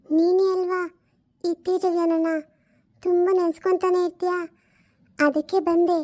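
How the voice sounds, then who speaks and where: A woman doing a sad ghost wife, super high thin voice, flat and tender, audio drama. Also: normal speed. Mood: sorrowful. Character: ghost of a dead wife, sorrowful and gentle. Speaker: spirit speaking unseen to her husband.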